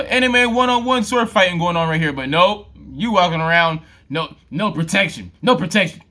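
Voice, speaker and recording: A man's voice: high-pitched, sharp tone. A man hosting a reaction video, talking back at a clip in slangy, laughing casual commentary.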